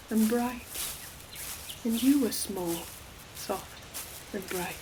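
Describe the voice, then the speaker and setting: In a scripted audio roleplay, a woman with a natural, medium-pitched voice plays an ancient, gentle forest demon, a hulking moss-covered creature, speaking tenderly in archaic storybook phrasing. Forest ambience and nature effects with animal sounds are clearly audible behind her.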